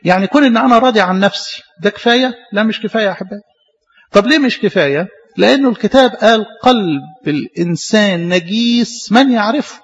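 A man with an Egyptian Arabic accent delivers a sermon at a brisk clip, in a high, slightly husky voice. He presses his points with rhetorical questions and repeated phrases. The recording sounds dull and lo-fi. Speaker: preacher.

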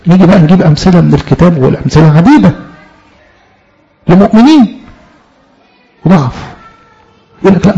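Fast gravelly Egyptian preacher. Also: male voice, sits high, mellow, lo-fi sound. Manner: rhetorical questions, voices the soul's own words. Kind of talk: sermon on scripture.

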